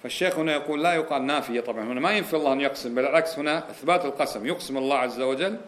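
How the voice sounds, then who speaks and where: A man's voice: medium pitch, racing, fairly bright tone. A man teaching a Quranic exegesis lesson, explaining point by point, repeating key phrases and putting rhetorical questions to his listeners. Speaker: religious teacher.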